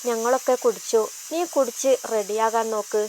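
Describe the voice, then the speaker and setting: A woman's voice: on the high side, fairly even intonation, moderate pace, darkish tone, a little hiss or hum, lightly acted. A woman voicing a middle-aged father asking plain, practical questions.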